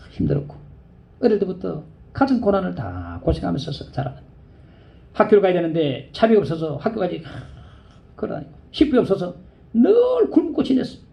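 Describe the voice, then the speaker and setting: A male pastor preaching a sermon, telling a story in a low voice and rising to high, pleading cries. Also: vocal fry, highs cut off.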